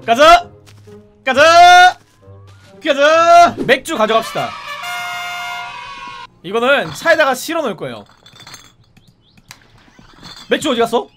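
High-voiced excitable male game streamer. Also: takes it slowly, long pauses, soft background music. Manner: excitable, shouts and repeats short cries; talks to his viewers. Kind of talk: live game stream commentary.

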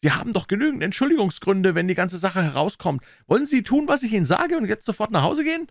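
A man's voice: high voice, sing-song, quick pace, creaky, no room sound, clean studio sound, pitched above the performer's own voice, heavily acted. A man reading aloud and voicing a scheming businessman who gives impatient, pressing orders. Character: scheming businessman, sharp and commanding.

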